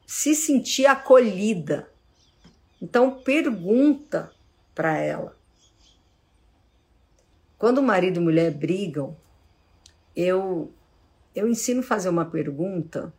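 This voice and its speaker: A psychologist, a middle-aged woman whose voice sits on the low side and who has a Brazilian accent, responds to audience questions in a laid-back live Q&A. Calm and clear, she illustrates her points by acting out short lines of speech.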